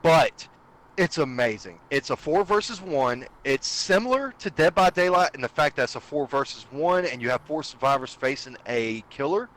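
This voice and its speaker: A man's voice: fairly high pitch, expressive, moderate pace, fairly bright tone, rough recording. A man guesting on a casual podcast, talking eagerly and explaining things at length. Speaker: guest streamer.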